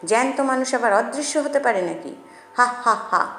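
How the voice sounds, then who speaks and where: A woman's voice: fairly high pitch, lively intonation, normal speed, roomy sound, faint music behind, lightly acted. A woman voicing a cocky teenage boy who teases and jokes. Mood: teasing. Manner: teasing, cocky. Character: cheeky bold teenage boy.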